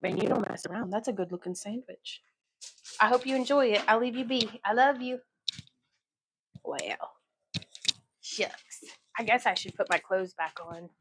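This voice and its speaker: A woman's voice: mid-range voice, moderate pace, long pauses, noisy background. A woman hosting a craft vlog at home, chatting casually and laughing often. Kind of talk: casual chat.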